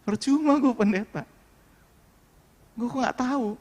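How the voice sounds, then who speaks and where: High-pitched guy pastor, emotional chatty sermon, big echoey church hall. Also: measured pace, darkish tone, highs cut off. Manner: emotional, conversational storytelling, addressing the congregation directly. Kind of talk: sermon with personal testimony. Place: worship hall.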